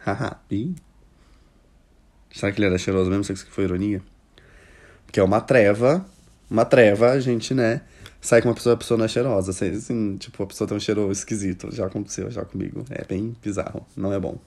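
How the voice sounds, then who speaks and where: A Brazilian-accented man hosts a casual chat, reading listener stories aloud. His manner is gossipy and animated, with frequent laughs and loud exclamations. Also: lowish voice, quick pace. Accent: Brazilian Portuguese. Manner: gossipy and expressive, laughs often, exclaims loudly.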